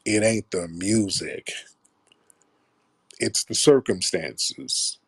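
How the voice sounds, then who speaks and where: A low-pitched man with a slightly husky voice hosts a call-in stream. He speaks bluntly and profanely, like he's telling street stories to a friend. The sound is close and dry. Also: drawn-out words, a bit bright, dry recording. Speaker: show host taking callers. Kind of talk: casual live-stream talk.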